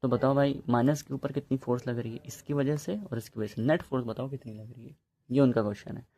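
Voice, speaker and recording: A man's voice: mid-range voice, fast, mellow. A man teaching a physics lesson in a casual, chatty way, often checking in with his students. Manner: chatty, addresses students as bhai, repeats ok.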